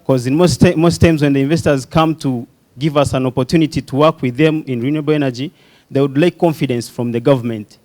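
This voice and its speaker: A man's voice: mid-range voice, fairly even intonation, fast talker, a little mellow. A young man speaking from the floor at a conference, earnest, with some restarts. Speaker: audience member, youth entrepreneur.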